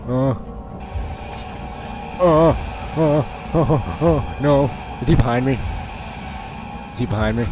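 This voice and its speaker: A man giving casual, jokey commentary over a horror game, excitable, talking to himself and repeating phrases. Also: medium pitch, moderate pace, rough recording. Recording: loud game music behind the voice. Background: horror game music and sounds.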